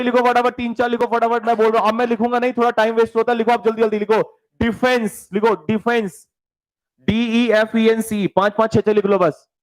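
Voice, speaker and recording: A man teaching English spelling in a live online class, with an Indian English accent. He spells words letter by letter and keeps urging students to answer fast, calling them "beta" and "bhai". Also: very high voice, low-quality recording. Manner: calls students "beta" and "bhai", reads out their comments.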